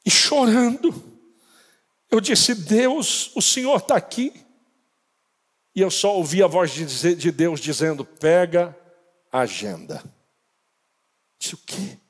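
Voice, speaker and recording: A man preaching a sermon as pastor, telling a story dramatically and rising to shouts at the peaks. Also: sits high, measured pace, pauses often, breathy edge, in a large hall. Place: church.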